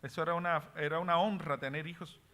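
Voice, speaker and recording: High, bright-voiced male Bible teacher. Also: fairly even intonation, fast. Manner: reads scripture aloud and explains word meanings, asking the class questions; switches between Spanish and English words. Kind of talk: Bible study class.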